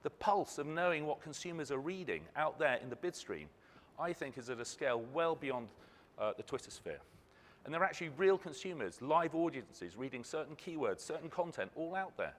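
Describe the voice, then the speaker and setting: A man's voice: on the high side, sing-song, fairly quick, a little hiss or hum. A man giving a conference presentation, speaking with emphatic phrasing and posing rhetorical questions. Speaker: ad technology company speaker. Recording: reverberant hall.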